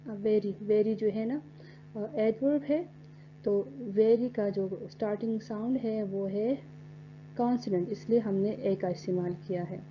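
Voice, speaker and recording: Woman teacher spelling out words slowly. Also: medium pitch. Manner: explains step by step, spells words letter by letter, reads English examples slowly. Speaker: English teacher. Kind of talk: recorded classroom lecture. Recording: dull lo-fi recording with faint hum.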